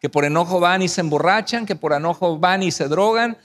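A man with a rather high voice preaches to couples at a church conference. He tells marriage stories in a lively way and slips into little acted quotes. He also reads out scripture verses in a sermon tone. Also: brisk, in a large hall. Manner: lively storytelling, acting out quoted arguments. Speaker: pastor speaking at a couples conference.

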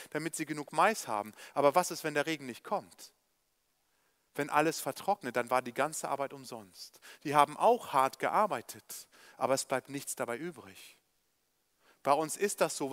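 A man preaching in a church, telling a parable with animated storytelling and speaking straight to his listeners. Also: on the high side. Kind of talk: evangelistic sermon storytelling.

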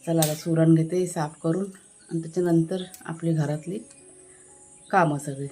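A woman's voice: deep voice, fairly even intonation, moderate pace, mellow, faint music behind. Chatty Konkan village woman vlogging. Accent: Marathi, Konkan. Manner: chatty, showing viewers around home and garden. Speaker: family vlogger. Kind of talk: casual village vlog narration. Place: outdoors at a village home and garden.

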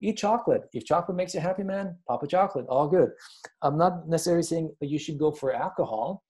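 Man, middle-aged, workshop presenter, casual and emphatic, mellow voice. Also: on the high side, quick pace. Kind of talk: motivational workshop talk.

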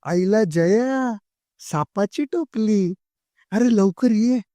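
Man doing an excitable mischievous boy. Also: high-pitched, a little slow, no echo. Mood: excited.

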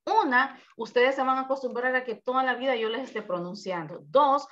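A woman teaching an English class online, walking students through grammar with patient explanations. Her voice sits a little high. The call audio is dull and lo-fi. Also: brisk, a bit bright.

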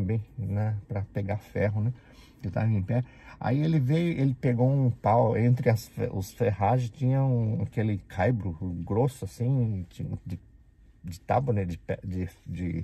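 Gravelly-voiced Brazilian man telling a story. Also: lowish voice, unhurried. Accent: Brazilian Portuguese. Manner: animated, acts out the people in his stories. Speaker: vlogger. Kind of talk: casual storytelling.

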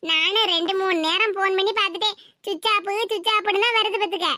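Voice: extremely high pitch, fairly even intonation, fast talker, bright, forceful tone, dry recording, studio quality, pitched below the performer's own voice. A performer voicing a weary, resigned older mother with a Tirunelveli Tamil accent, speaking plaintively in a cartoon. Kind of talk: cartoon voice acting.

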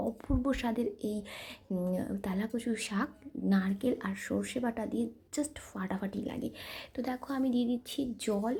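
A woman's voice: fairly high pitch, creaky, dark tone. A woman hosting a home cooking tutorial, talking chattily to viewers as friends, often dropping to a half-whisper, with many fillers. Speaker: cooking channel host.

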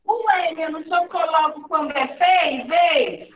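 A woman with a Brazilian accent teaching young children in an online class, patiently repeating words slowly in a sing-song way. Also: very high voice. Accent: Brazilian Portuguese. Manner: slow, patient, sing-song word repetition. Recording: echoey, distant, phone-like online class audio.

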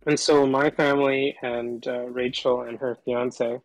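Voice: mid-range voice, flat delivery, measured pace, dry recording, faint music behind, rough recording. A caller talking through a voice changer that disguises the voice, chatting casually on a call and rambling with lots of fillers. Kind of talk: casual phone chat.

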